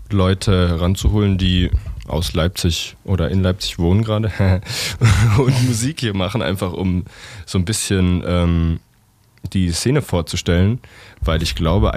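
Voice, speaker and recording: A young man hosting a casual radio interview in a studio, relaxed and chatty with many fillers. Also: sits low, no room sound. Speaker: radio host. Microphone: studio microphone.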